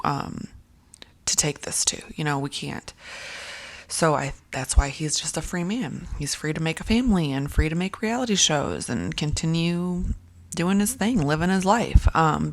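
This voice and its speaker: A woman with a low, gravelly voice, raspy and worn from whispering, talks through a casual commentary video she creates. She rambles, full of ums, restarts and throat-clearing.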